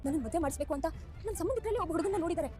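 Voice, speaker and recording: A woman's voice: extremely high pitch, lively intonation, racing, mellow. A tearful college girl. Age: young adult. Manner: tearful, pleading. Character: heartbroken young college girl in love. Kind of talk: TV serial acting. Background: background music score.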